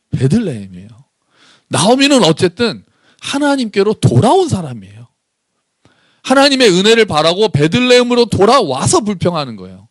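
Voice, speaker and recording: Male pastor, lively and fairly high-pitched sermon delivery, dry close sound. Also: no echo. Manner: animated, acts out anguished prayers with rising voice; asks the congregation questions. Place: church.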